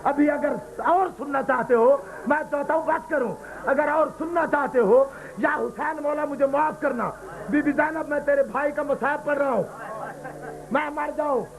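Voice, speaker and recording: At a mourning gathering, a man recites a mournful lament, wailing and pleading with his listeners amid crowd noise from the mourners. His voice is very high-pitched with vocal fry, on a low-quality recording.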